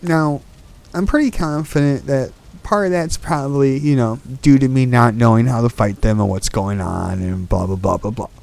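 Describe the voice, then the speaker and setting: A man's voice: mid-range voice, fairly even intonation, moderate pace, vocal fry, a little mellow. A young man hosting a gaming video, ranting in frustration about a boss fight, swearing and restarting his sentences. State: hiccups. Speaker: gaming channel host. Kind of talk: ranting game commentary.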